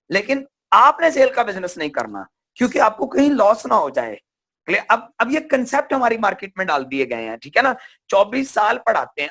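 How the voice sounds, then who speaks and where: A man's voice: sits high, sharp tone. A man from Pakistan giving a motivational seminar talk, asking questions and answering them himself. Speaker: seminar speaker.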